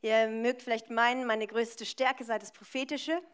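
A woman's voice: fairly high pitch, fairly even intonation, normal speed, fairly bright tone, clean tone. A woman interpreting a preacher live, phrase by phrase, in a consecutive style.

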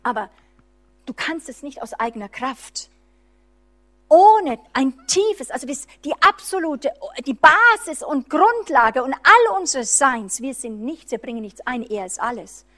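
A woman preaching a charismatic sermon, fervent and unscripted, swinging between loud emphatic lines and hushed low ones, with many restarts. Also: very animated, unhurried. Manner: frequent restarts and fillers while preaching freely; acts out voices of the enemy and a distressed believer.

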